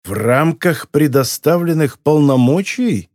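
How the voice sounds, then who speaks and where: A man voicing a condescending, sinister bald American man in an audiobook, speaking in a cold, mocking, deliberate way. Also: fairly high pitch, expressive, darkish tone, no echo, clean studio sound. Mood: scornful. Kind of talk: audiobook character voice.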